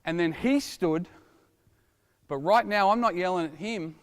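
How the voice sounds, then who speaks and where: A middle-aged coach talks with a high, carrying voice as he runs a basketball drill. His speech is energetic and direct, with quick calls to the players and explanations for the watching coaches. The sound rings with the long reverb of a big gym. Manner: energetic, shouts drill instructions. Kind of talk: coaching clinic demonstration. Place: indoor basketball court.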